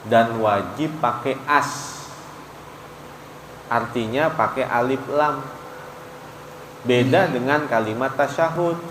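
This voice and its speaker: A man giving a mosque study sermon, chanting Arabic phrases slowly and then explaining them briskly. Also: mid-range voice, fairly bright tone, slight background noise. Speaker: religious teacher. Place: mosque hall. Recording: echoey hall, faint ambience.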